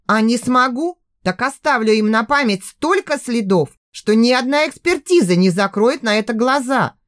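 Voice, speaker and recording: Woman narrating an audiobook, fairly high. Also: animated, normal speed, dry recording, studio quality. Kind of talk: first-person audiobook narration.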